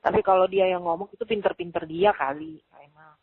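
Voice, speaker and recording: A woman's voice: lowish voice, steady tone, fairly quick, husky, no echo. A woman venting on a phone call in an agitated way, quoting herself and others. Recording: tinny phone-line recording.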